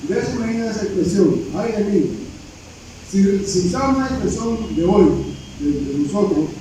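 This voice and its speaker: A man's voice: high voice, animated, normal speed. A man preaching a sermon, repeating and restarting his words and putting questions to the congregation. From Panama. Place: church sanctuary. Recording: very echoey church from a distant mic, faint noise.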